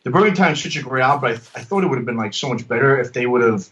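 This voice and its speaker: A man's voice: mid-range voice, expressive, rapid-fire, fairly bright tone, lo-fi sound. A man co-hosting a podcast in casual chat, rambling and filling his talk with um and you know. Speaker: podcast co-host and producer.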